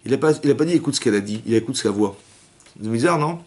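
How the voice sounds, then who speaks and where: A man teaching a lively class to young women, asking questions and acting out cries and quotes. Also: mid-range voice, racing. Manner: animated, asks questions, acts out cries and quotes. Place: synagogue hall with young women students.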